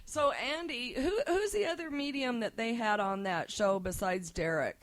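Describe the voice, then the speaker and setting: A woman's voice: a little high, moderate pace. Woman, podcast co-host, casual, questioning, hesitant fillers. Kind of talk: casual interview chat.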